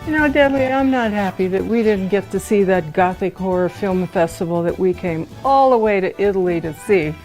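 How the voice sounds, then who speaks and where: A woman's voice: mid-range voice, moderate pace, hardly any pauses, a little mellow, faint music behind, natural voice, rough recording. A woman playing a naive, chatty tourist in a campy film comedy. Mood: wry complaint.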